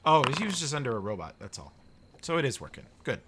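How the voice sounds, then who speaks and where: A man's voice: mid-range voice, big pitch swings, fast. A man acting as game master, narrating a tabletop game in a casual way. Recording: noisy background.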